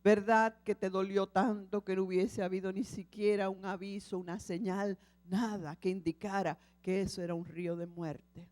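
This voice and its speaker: A woman preacher voicing the Lord, speaking softly and slowly as He gently pleads with a grieving man. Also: medium pitch, level tone, dry recording, lightly acted. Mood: gently pleading. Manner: soft, slow, imploring. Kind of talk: sermon storytelling.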